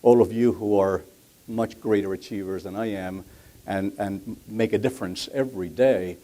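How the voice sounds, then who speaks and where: A middle-aged or older man with a Cuban accent, answering interview questions before an audience in a halting way, repeating words as he goes. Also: fairly low pitch, dark tone. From Cuba. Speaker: business leader, guest speaker. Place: on stage at a luncheon event.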